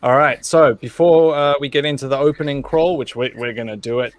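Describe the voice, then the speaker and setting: A man's voice: medium pitch, brisk. A man hosting an online table read over a video call, chatty and easygoing and laughing often. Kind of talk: casual video-call chat.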